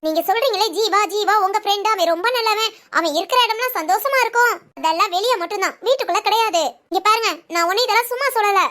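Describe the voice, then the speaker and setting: A performer voicing a bitter, defiant young bride who answers in sharp, curt retorts. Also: very high voice, fast talker.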